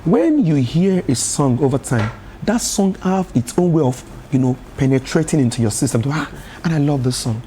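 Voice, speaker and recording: Guest: Nigerian man, Nigerian English accent, chatty storyteller, a touch high-pitched, faint noise behind. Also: normal speed. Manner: animated storyteller, repeats words, laughs often. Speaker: gospel artist guest. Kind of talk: casual talk show conversation. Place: television studio.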